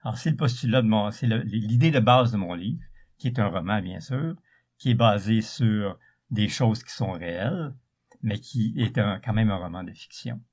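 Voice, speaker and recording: An older man with a Quebec accent speaks in a fairly low, husky voice. He presents his own writing informally, like a teacher explaining, often restating his phrases. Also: moderate pace, darkish tone. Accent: Quebec French. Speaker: author, retired science teacher.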